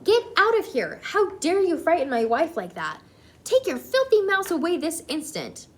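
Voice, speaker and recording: A storybook father played by a woman, hot-tempered and full of bluster. He speaks with loud, emphatic indignation, swinging widely up and down in a raised pitch. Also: sing-song, moderate pace. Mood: furious. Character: blustering, hot-tempered middle-aged father, shouting in outrage.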